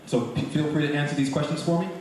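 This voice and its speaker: A man's voice: on the high side, fairly even intonation, fast talker, darkish tone. A man from doing a chatty stand-up comedy set in a comedy club, teasing the crowd. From Brooklyn, New York. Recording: echoey live club recording from far off, crowd noise.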